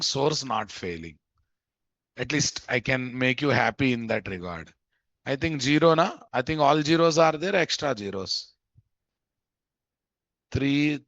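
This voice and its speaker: A man's voice: mid-range voice, lively intonation, unhurried, long pauses, fairly bright tone, no echo. A man with an Indian Telugu accent giving an informal live programming lesson, asking questions he answers himself and repeating phrases for emphasis. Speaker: programming instructor. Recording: dull, muffled lo-fi close recording.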